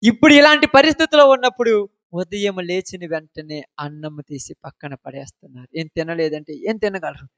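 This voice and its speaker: A male pastor preaching a sermon. He fires rhetorical questions at his listeners and swings from loud declarations to low asides. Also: brisk, dry recording. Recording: dull, dry lo-fi recording.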